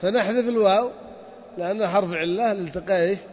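High-voiced man teaching a grammar class. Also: quick pace, breathy edge. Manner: drills students with questions, drawls out example words. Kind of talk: classroom lesson. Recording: dull audio with long reverb.

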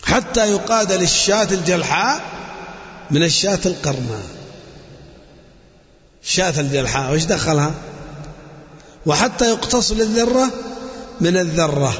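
Impassioned high-voiced preacher in an echoey hall. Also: male voice, animated, normal speed, long pauses, a bit bright. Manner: impassioned, rises and drops sharply in pitch. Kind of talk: sermon. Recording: echoey hall, dull lo-fi sound.

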